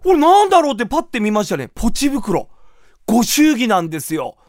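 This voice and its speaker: A man who is a rakugo performer hosting a radio show, telling comic stories in a lively way. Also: very high voice, fairly quick, no room sound, studio quality. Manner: lively, animated, acts out quotes. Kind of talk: comic storytelling talk.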